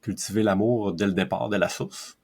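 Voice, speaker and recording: A man with a Québécois French accent, musing in casual podcast chat, hesitant with many fillers and soft laughs. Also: lowish voice, normal speed, creaky, slightly rough.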